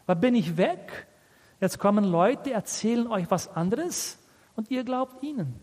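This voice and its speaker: An exasperated, let-down apostle firing off reproachful questions at his flock, as a preacher acts him out. The voice sits high and unhurried, with a long reverb trailing off through the hall. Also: animated, darkish tone, husky, full character voice. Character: frustrated, disappointed male apostle scolding his flock.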